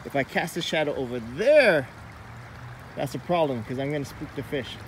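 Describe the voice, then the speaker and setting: Man, 30s, fishing vlog host, upbeat explainer, fairly high voice, faint stream noise behind, handheld camera at arm's length. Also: lively intonation, moderate pace. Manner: upbeat, explanatory, talking to camera while walking. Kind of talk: outdoor fishing tutorial vlog. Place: outdoors by a wooded creek. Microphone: phone or camera at arm's length.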